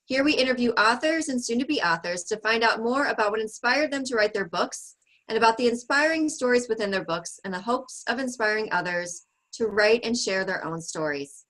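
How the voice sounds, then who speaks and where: A woman's voice: on the high side, animated, a little fast, a bit bright, rough recording. A woman hosting a podcast interview, opening with a polished, upbeat scripted introduction. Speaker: podcast host.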